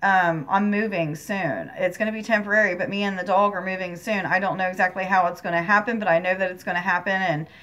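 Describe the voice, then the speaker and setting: A woman's voice: medium pitch, fairly even intonation, fast, few pauses, a bit bright. A woman talking directly to her viewers about a spiritual experience, earnest and emotional, rambling and repeating herself, calling them guys. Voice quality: emotional, near tears at times, earnest. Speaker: spiritual channel host. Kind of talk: personal spiritual talk to viewers.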